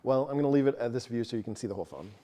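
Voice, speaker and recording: A man presenting a technical talk to a live audience, quick and casual, joking about himself. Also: mid-range voice, warm tone. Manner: fast, casual, self-deprecating. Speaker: meetup presenter. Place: meeting room with an audience.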